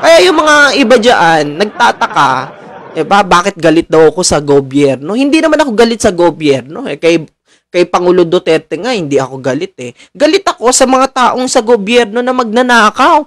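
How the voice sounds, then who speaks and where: A young man from the Philippines ranting to his viewers, animated and preachy, mocking officials and laughing between lines. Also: sits high, moderate pace, dry recording. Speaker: political commentator. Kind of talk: casual ranting monologue to viewers.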